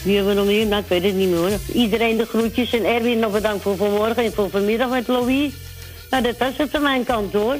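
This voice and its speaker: High-voiced man calling in by phone. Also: a little fast, soft background music. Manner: rambling, loses the thread, sends greetings. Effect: voice over a phone line. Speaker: radio show caller. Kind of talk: casual chat on the phone with a radio host.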